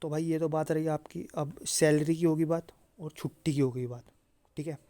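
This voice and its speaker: A man with a slightly high, steady, warm voice presents an informal career explainer for students at a moderate pace. He repeats points for emphasis and keeps adding short check-in tags. The recording has no echo.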